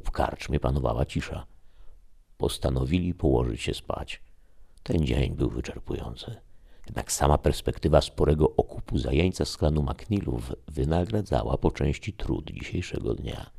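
A man narrating a story in a measured, steady reading style. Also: very deep voice, creaky, husky.

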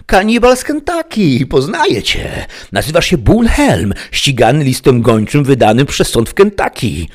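A man voicing a young male deputy sheriff with an urgent, commanding delivery and a husky voice. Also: mid-range voice, wildly swooping pitch, normal speed, pitched above the performer's own voice.

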